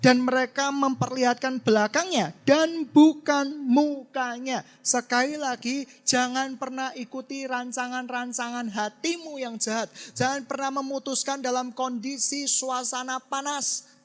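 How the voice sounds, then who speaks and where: A man's voice: very high-pitched, fairly even intonation, measured pace. Preaching man with a lilt. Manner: swings between loud exclamations and quiet asides. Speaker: pastor. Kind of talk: sermon. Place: church hall. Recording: long church-hall reverb.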